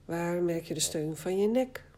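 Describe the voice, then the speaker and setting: A woman guiding a body scan relaxation exercise, speaking calmly and soothingly in short phrases with long pauses. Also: lowish voice. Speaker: guided meditation instructor.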